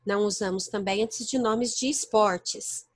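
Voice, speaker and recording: Slow, deliberate Brazilian woman teacher. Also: mid-range voice, no room sound. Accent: Brazilian Portuguese. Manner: explains step by step, checks the class understood. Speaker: English teacher. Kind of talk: online class lecture. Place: home, online virtual class.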